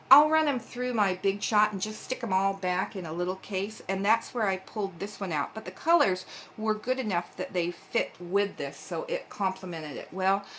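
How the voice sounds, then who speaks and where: A woman at her craft table talks through her handmade cards in a relaxed, meandering way, often pausing on an um. Her pitch sits in an ordinary middle range. A faint hiss of room noise stays under her voice. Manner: chatty, meandering, with frequent ums. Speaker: papercraft channel host. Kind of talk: casual craft show-and-tell.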